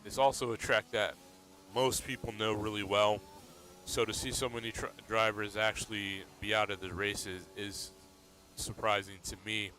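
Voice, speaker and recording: Slow, bright-voiced male race commentator. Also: lowish voice. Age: adult. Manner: relaxed, steady play-by-play with fillers. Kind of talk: sim racing commentary.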